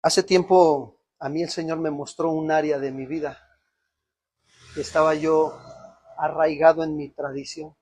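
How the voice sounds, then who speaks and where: A man's voice: a little high, darkish tone, husky. A man with a Mexican Spanish accent preaching a sermon as pastor, telling a personal story that rises to emotional peaks.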